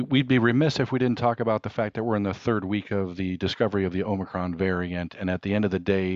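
Male financial podcast host, very low and fast, businesslike, dry dull recording. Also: dry recording. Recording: dry, slightly dull audio.

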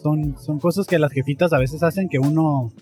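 A man with a Mexican accent hosting a casual street interview, relaxed and joking as he reads out questions. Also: on the high side, moderate pace, soft background music. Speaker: podcast host. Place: outdoors on a street.

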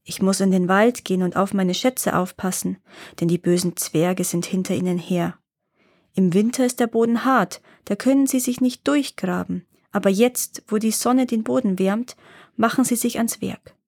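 Woman voicing a gentle talking bear. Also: mid-range voice, normal speed, dry recording, clean studio sound, lightly acted. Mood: earnest. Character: gentle, kindly male bear who can talk.

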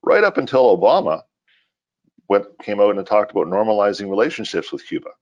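Guy with a really low voice, podcast cohost, gets excited and laughs a lot, trips over words sometimes. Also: a little fast, muffled recording. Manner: animated, laughing asides, stammering restarts. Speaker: podcast co-host. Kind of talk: casual finance podcast chat.

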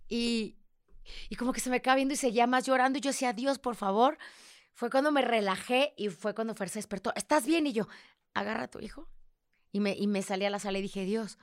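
A woman's voice: on the high side, steady tone, quick pace, no room sound, clean studio sound. A young woman with a Mexican accent, speaking frankly and emotionally as a guest in a candid conversation, swearing freely and acting out the voices she quotes.

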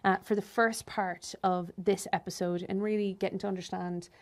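A woman's voice: mid-range voice, little pitch movement, normal speed. A woman with an Irish accent hosting a podcast and interviewing guests in a conversational style. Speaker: podcast host.

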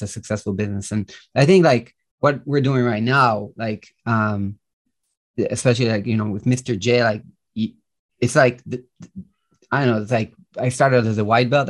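A man, co-hosting a podcast in loose, rambling casual chat full of fillers. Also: lowish voice. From Israel. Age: 30s. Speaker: podcast co-host.

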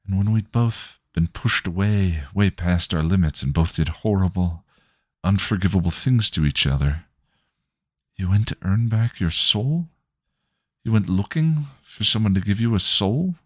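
A man voicing a young woman who is tearful and earnest, speaking softly and haltingly. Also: low-pitched, dry recording, studio quality. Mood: pleading.

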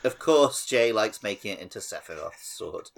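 A man co-hosts a casual podcast, explaining mythology and games in a rambling way. His voice sits on the low side with vocal fry, animated and at a moderate pace.

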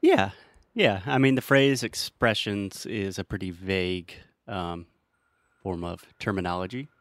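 A man with a fairly low voice hosts a language podcast, joking with his guest while he teaches. He explains grammar patiently, with simple examples. The sound is close and dry, with no room around it. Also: lively intonation, unhurried, a bit bright, no room sound. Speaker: podcast host and English teacher. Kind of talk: casual teaching chat.

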